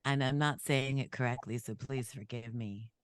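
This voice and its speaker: A woman with the flu, speaking in a low sick voice, earnestly sharing her reflections with a group on a video call. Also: fairly even intonation, moderate pace, no room sound. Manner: earnest, reflective, self-deprecating. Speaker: meditation group participant.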